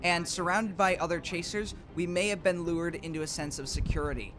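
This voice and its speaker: A man's voice: fairly high pitch, fairly even intonation, brisk. A man reading scripted documentary narration for a storm-chasing video. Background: music.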